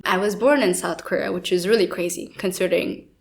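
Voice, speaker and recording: A woman's voice: on the low side, fairly even intonation, quick pace, creaky. A young woman from India co-hosting a student podcast, chatting casually with many fillers. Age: young adult. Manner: chatty, lots of "like" and "I feel like". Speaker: podcast co-host.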